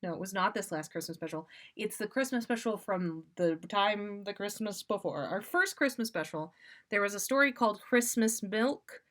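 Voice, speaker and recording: A woman podcast host, hosting a livestream, reads a story aloud in a mid-range voice at a moderate pace. Her delivery is amused and expressive, casual yet theatrical.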